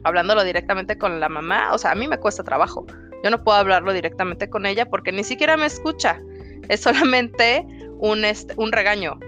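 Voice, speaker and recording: A woman's voice: mid-range voice, fairly quick, a bit bright, faint music behind. A woman with a Mexican accent talking in a frank, slangy way about raising her daughters. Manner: frank and slangy, acts out dialogues with her kids. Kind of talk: casual chat.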